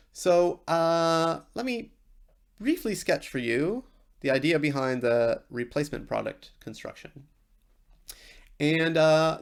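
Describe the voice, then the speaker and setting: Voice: mid-range voice, gravelly. A university lecturer giving an informal technical explanation, thinking aloud with small asides along the way.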